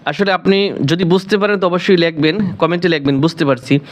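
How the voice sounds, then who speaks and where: A man teaching Quran reading in a slow, spelled-out lesson, drilling letters syllable by syllable and asking and answering his own questions. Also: sits high, fairly even intonation. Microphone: voice-over, face not shown.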